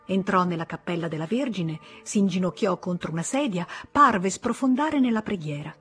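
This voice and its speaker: A woman narrates a classic novel in a measured, expressive way, her voice husky and breathy, pitched in a middle range. A quiet thread of music sits faintly behind her. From Italy. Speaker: audiobook reader. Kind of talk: literary narration.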